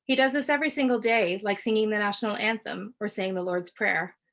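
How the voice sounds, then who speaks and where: A woman reading literary fiction aloud in a measured, quiet way. She narrates steadily in the first person, keeping her delivery even and unhurried. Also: medium pitch. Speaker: author reading at a book launch.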